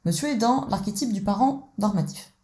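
A woman's voice: mid-range voice, animated, moderate pace, mellow. A woman coaching on relationship conflict, talking casually and addressing the listener directly. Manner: conversational, addresses the listener directly, acts out dialogues. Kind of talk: explanatory teaching talk.

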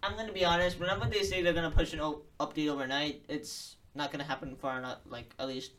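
A man's voice: fairly high pitch, fairly even intonation, quick pace, a bit bright, recorded from a distance. A teenage boy co-hosting a casual podcast, often hesitant and trailing off into short, dry replies. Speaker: podcast co-host. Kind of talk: casual chat.

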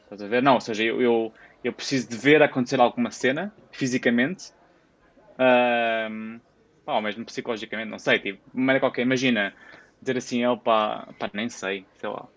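A man's voice: medium pitch, steady tone, brisk, a bit bright. A young man from Portugal with a European Portuguese accent, chatting casually and rambling with many fillers. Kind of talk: casual chat. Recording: dull lo-fi sound.

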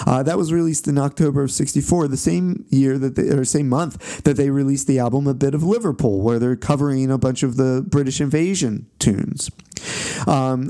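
A man's voice: medium pitch, warm tone. A man giving a casual music history lecture, talking loosely with fillers, restarts and frequent tag questions. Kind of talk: classroom lecture.

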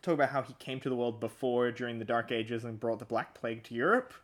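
Chatty man co-hosting a book podcast. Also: medium pitch. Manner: chatty, laughs often, quick asides. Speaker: podcast co-host. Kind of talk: casual book discussion.

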